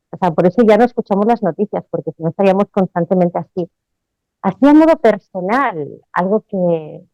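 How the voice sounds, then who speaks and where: A woman's voice: medium pitch, dark tone, no room sound, highs cut off. A woman from Spain, a dance mantra teacher speaking reflectively as an interview guest, laughing easily. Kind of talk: interview conversation.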